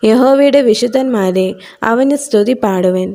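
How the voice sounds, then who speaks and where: A woman reads scripture aloud for a meditation recording. Her voice sits a little high yet sounds mellow and soft-edged. She keeps a calm, measured recitation throughout. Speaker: Bible reader.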